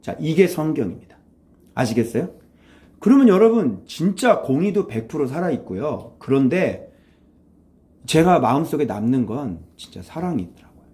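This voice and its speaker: A man's voice: fairly high pitch, big pitch swings, normal speed, mellow. A man preaching a morning devotional sermon in a conversational way, firing rhetorical questions at his listeners and acting out quoted voices. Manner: acts out quoted voices, switches to blunt informal speech. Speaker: pastor.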